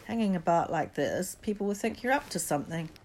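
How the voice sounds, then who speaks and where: A woman's voice: on the low side, big pitch swings, a little mellow, slight background noise. A woman doing a silky, menacing schoolmaster. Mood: smooth. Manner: smooth, slow and silky. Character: sneering male schoolmaster, cold and menacing.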